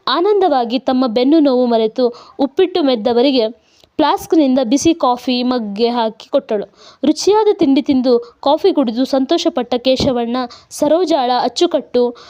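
A woman narrating a written story in a calm, even reading. Her voice is high yet mellow and dark in tone. The recording is dull and lo-fi. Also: measured pace.

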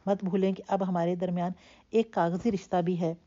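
A calm, confident young husband with a teasing, cutting edge, voiced by a woman reading the story. The tone sits low and mellow. The sound is dull and lo-fi. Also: lightly acted. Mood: cold calm. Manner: calm, assured, mocking. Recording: dull lo-fi audio.

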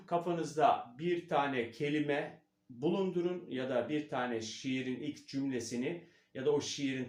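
A man teaching a lesson on speech, demonstrative and quick to act things out. His voice sits a little high for a man. The room around him is echoey. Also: a little mellow. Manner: demonstrative, breaks into imitations. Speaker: speech coach. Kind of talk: spoken lesson.

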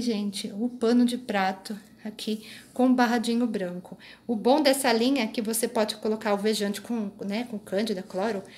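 A woman's voice: fairly high pitch, darkish tone. A woman in her thirties hosting a casual crochet vlog, chatting to viewers with frequent tag questions while filming on a handheld phone in a small craft room. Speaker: crochet channel host. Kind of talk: casual show-and-tell vlog. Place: small craft room indoors, later tabletop close-ups. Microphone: phone held in hand.

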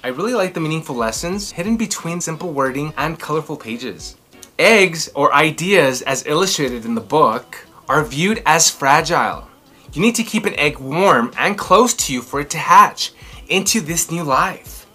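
In a small, furnished indoor room, a thirty-something children's book host reads aloud with lively intonation at a normal speed. He lays on theatrical emphasis, drawing out important words, his bright tone rising and falling broadly over background music as he tells the story and chats to young listeners.

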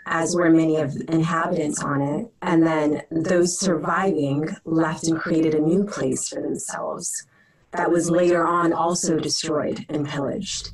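A woman in her thirties from Senegal, an actress on a video-call panel, speaks in a reflective, measured way. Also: deep voice, steady tone, breathy edge, distant mic, low-quality recording. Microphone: wired earbuds on a video call.

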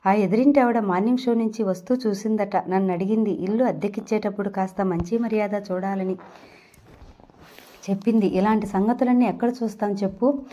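A woman's voice: mid-range voice, fairly even intonation, fairly quick, warm tone, natural voice. A woman reading the part of a nosy, overfamiliar middle-aged landlord who pries with fake politeness, in an audio novel. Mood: gossiping. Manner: prying and overfamiliar.

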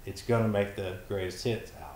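A man's voice: on the low side, a little fast, echoey room, a little hiss or hum. A man who is a songwriter guest, telling stories casually in an interview, livening up when he quotes people. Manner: animated when quoting others, trailing restarts. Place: back porch studio.

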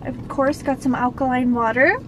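Pregnant young woman vlogging from her car, kinda high soft voice, noisy background. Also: steady tone, moderate pace. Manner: soft, reflective, trails off into whispers. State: heavily pregnant. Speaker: lifestyle vlogger. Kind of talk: casual vlog talk to camera. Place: parked car, then outdoors by a river. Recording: clear background noise.

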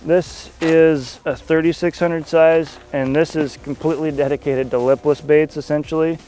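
A young man giving a casual walkthrough of his fishing gear outdoors on a frozen lake, talking in a relaxed, conversational way with frequent fillers. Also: fairly high pitch, normal speed, faint music behind. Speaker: fishing staff presenter.

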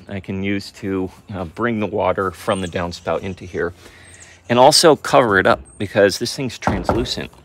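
Deep-voiced guy walking through his homestead water setup, practical and kinda pumped. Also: slight background noise. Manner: practical, thinking aloud, excited about his project. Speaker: homesteading vlogger. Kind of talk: casual on-camera explanation.

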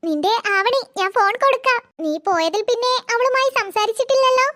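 A woman's voice: very high voice, expressive, brisk, very noisy. A woman voicing a young woman in a cartoon, playfully scolding a friend on the phone. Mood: teasing. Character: young woman Lachu, shy bride-to-be, teasing. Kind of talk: cartoon voice acting.

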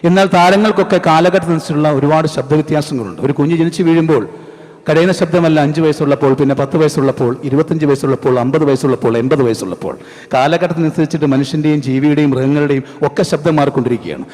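A man's voice: fairly high pitch, fast, darkish tone. Man doing stage comedy patter. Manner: conversational, explaining to the audience. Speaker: mimicry artist. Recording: stage hall reverb.

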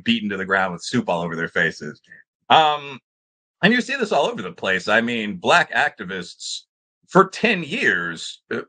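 With a fairly low, bright and forceful voice, a middle-aged man argues extemporaneously on a panel video call. He sits indoors among bookshelves, and his manner is academic, discursive and emphatic.

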